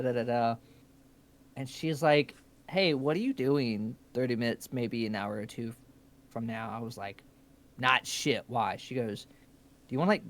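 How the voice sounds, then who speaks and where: A young man co-hosting a live stream, telling stories in casual chat and swearing freely. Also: medium pitch. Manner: animated storyteller, swears a lot. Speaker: stream co-host.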